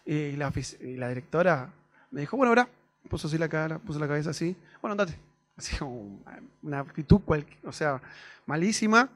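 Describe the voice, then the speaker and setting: A man's voice: fairly high pitch, fairly quick, a bit bright. A young man with a Rioplatense Spanish accent, preaching a sermon in a conversational, storytelling way, full of fillers and tag questions.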